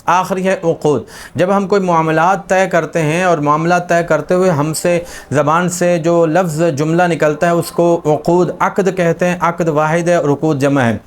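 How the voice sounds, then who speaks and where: A man's voice: fairly high pitch, steady tone. A man teaching a grammar lesson, explaining patiently with many examples and fillers. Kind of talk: spoken lesson on Arabic grammar.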